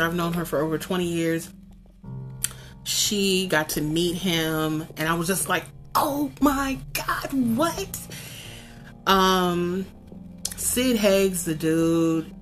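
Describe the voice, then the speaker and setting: A woman in her forties chats through a countdown of horror films, lively and expressive, with frequent laughs and sudden high swoops for emphasis. Her voice sits on the lower side. Faint music plays underneath. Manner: animated, expressive, laughs often. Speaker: horror film reviewer. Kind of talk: casual countdown commentary.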